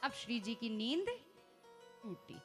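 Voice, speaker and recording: A woman telling a devotional story as a sermon, animated and speaking straight to her listeners. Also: on the high side, measured pace, soft background music. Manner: animated, addresses listeners directly. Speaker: religious storyteller.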